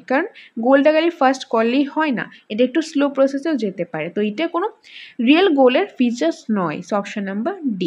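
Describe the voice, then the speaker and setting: A woman teacher with a high voice works through an exam practice set. She reads each English option slowly and deliberately, then explains it in a conversational tone. The recording sounds dull and lo-fi. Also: darkish tone.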